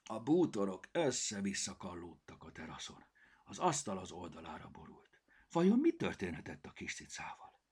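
A man narrating a children's story, often in a hushed, half-whispered way. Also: low-pitched, huge pitch swings, husky.

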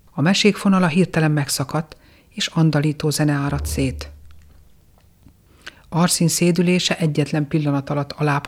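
A narrator reading a fairy tale aloud in a measured, expressive way. The voice sits at a middling pitch and moves at an even pace. It has the steady tone of a storybook reading.

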